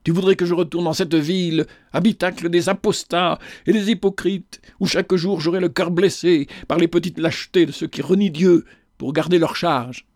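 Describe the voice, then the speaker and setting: A man's voice: fairly high pitch, normal speed, darkish tone, no echo, studio quality, natural voice. A man reading an audiobook and voicing a fervent, indignant young woman in a passionate, declamatory way. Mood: fervent indignation.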